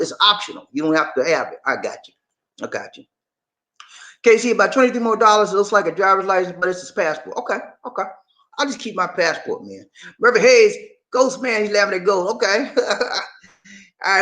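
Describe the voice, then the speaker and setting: Talking fast in a high, expressive voice with a bright, forceful edge, a man from Charleston, South Carolina, USA hosts a livestream. He keeps it folksy and loose, repeating phrases often, all in a Southern Gullah Geechee accent.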